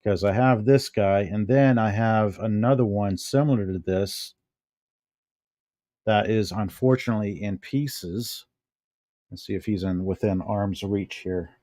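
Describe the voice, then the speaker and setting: A man's voice: fairly low pitch, warm tone, no room sound, studio quality. A middle-aged American man musing to himself as he shows things in a casual vlog at home. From United States. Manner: unhurried, musing, talks to himself while handling objects. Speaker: vlogger. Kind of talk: casual show-and-tell vlog.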